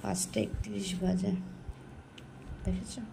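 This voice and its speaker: A tired woman, talking softly and slowly to her phone camera at home in the early morning. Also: fairly low pitch, big pitch swings, noisy background. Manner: speaks softly and slowly so as not to wake her family. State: sleepy and tired. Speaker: vlogger. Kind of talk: casual chat to camera.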